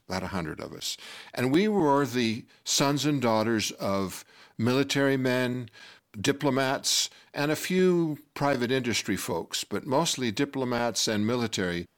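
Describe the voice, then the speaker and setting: With music running underneath, an older man animatedly recounts something from his own life to a crowd, voicing the dialogue and breaking into laughter. He speaks in a mid-range voice at an unhurried pace.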